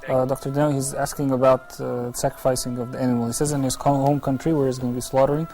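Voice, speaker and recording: A man's voice: mid-range voice, level tone, fast, dark tone, soft background music, low-quality recording. A man hosting a live call-in talk show, greeting callers and passing their questions to a scholar. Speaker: live show host taking calls.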